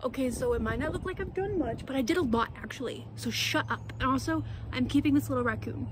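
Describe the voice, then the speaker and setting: A woman's voice: high-pitched, quick pace, background noise. A young woman vlogging while she gardens outdoors, rambling and joking at the camera. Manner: rambling, jokey and self-mocking, talking to the camera while gardening. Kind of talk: casual chat.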